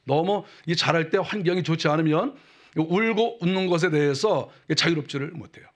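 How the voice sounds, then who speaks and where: High-voiced male pastor preaching casually. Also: moderate pace. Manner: conversational, acts out mocking quotes in a lower voice. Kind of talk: sermon.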